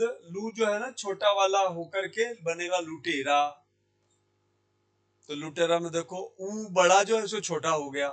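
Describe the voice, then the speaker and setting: A male Hindi teacher giving a grammar lesson, his voice sitting a bit higher than most men's. He keeps asking the class a question and then answering it himself, and he says each key word slowly, more than once. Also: fairly bright tone. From India. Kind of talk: classroom lesson explaining sandhi. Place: Jaipur language institute.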